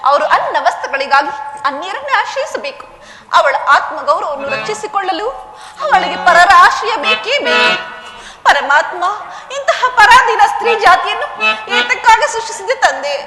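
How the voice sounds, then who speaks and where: A woman's voice: very high voice, very animated, moderate pace. A woman playing the wronged queen Draupadi in a village stage drama, declaiming with bitter, tearful scorn. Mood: lamenting. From Karnataka. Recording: echoey live stage recording with music.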